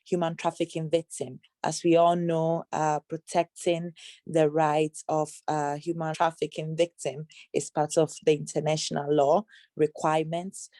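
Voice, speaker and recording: A Ghanaian woman who does anti-trafficking outreach answers interview questions over a video call, speaking in a measured, hesitant way with many fillers. Her voice is low and warm with a flat delivery, and there is no room sound.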